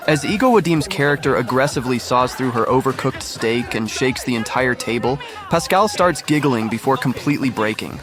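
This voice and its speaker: Male video narrator over music. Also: medium pitch. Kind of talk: scripted narration. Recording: music under the voice. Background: background music.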